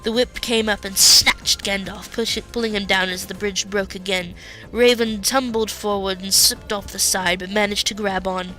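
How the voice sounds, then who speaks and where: Woman story reader, bright voice, faint music behind. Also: mid-range voice, fairly even intonation, normal speed. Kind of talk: reading fan fiction aloud.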